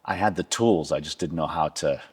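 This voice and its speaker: A man, a violinist interviewing his former teacher, talking eagerly and haltingly, with many restarts. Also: extremely low pitch, breathy edge. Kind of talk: conversational interview.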